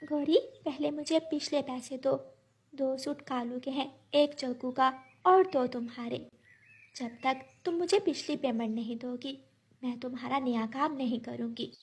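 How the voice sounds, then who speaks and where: Brief: a hardworking little sparrow for a kids' cartoon, by a woman, high and breathy. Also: fairly even intonation, measured pace, heavily acted. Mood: firm. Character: small hardworking female sparrow, firm.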